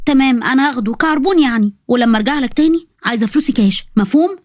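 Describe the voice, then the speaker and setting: Woman doing a tired young delivery girl, egyptian accent, blunt and fed up, fast. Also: high-pitched, lively intonation, dry recording, clean studio sound. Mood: exasperated. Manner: blunt and exasperated.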